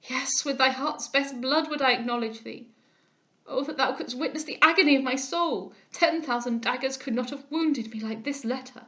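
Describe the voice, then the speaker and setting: The remorseful aristocratic father, an older man in anguish, is voiced by a woman reading aloud at normal speed in a high, somewhat bright voice. She gives his outbursts a passionate, declamatory force.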